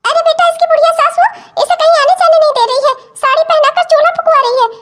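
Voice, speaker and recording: A woman voicing an older cartoon mother who rushes to defend her daughter. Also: very high voice, fairly even intonation, fairly bright tone, pitched above the performer's own voice. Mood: indignant. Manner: fussing, indignant, quick.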